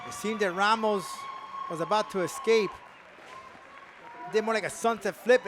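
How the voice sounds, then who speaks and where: A man's voice: high-pitched, background noise. A man giving live play-by-play commentary on mixed martial arts fights. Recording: faint music and crowd behind.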